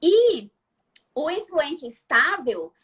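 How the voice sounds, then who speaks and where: A woman's voice: sits high, big pitch swings, drawn-out words, fairly bright tone, a little hiss or hum. A woman hosting a live chat, explaining things directly to her viewers. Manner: explanatory, talks to the audience. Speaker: host.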